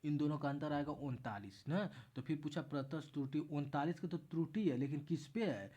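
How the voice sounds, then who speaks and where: A man's voice: a little high, a little fast, dark tone. A man tutoring math in a casual exam-prep lesson, walking through each step and repeating himself as he explains.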